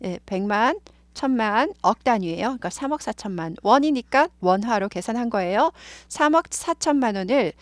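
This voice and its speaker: A woman's voice: on the high side, expressive, normal speed, no echo. A woman with a Korean accent teaching English words and pronunciation, repeating each word over and over for learners to follow. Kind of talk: explaining English vocabulary and pronunciation.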